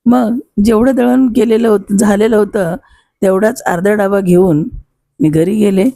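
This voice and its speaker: An older woman telling a memory from her own life in an unhurried, conversational way, pausing and correcting herself as she goes. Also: medium pitch, vocal fry, mellow, dry recording, studio quality. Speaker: storyteller. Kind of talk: reminiscing oral storytelling.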